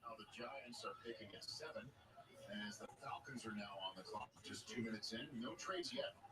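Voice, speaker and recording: A man giving steady draft analysis on a TV broadcast that plays in the background of a call. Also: lowish voice, moderate pace, poor audio. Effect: TV broadcast playing in the background of a call. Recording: TV audio with crowd noise.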